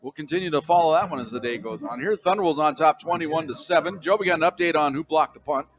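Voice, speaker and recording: An older man with a fairly high voice talks fast as he calls a college football game on radio from a broadcast booth microphone. Chatty and chuckling, he likes to tell stories between plays.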